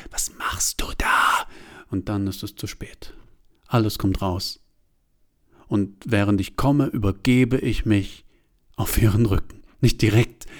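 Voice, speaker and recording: A man narrating a first-person story in a confessional way, turning from hushed to agitated. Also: mid-range voice.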